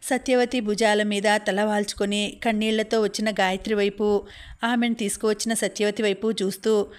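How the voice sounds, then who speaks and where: A woman narrating a serialized audiobook novel with a steady, even reading. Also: mid-range voice, normal speed. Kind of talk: scripted story narration.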